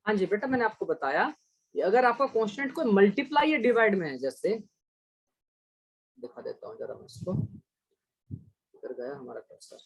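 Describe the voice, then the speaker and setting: Husky-voiced male teacher, patient. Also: sits high, very animated, normal speed, pauses often, rough recording. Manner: patient, praises students by name. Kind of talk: online class lesson.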